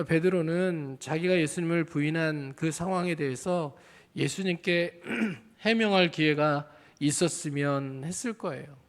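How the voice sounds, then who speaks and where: A pastor with a slightly high voice delivers a sermon in a church. He speaks in an earnest, searching way and keeps turning to his congregation with direct questions.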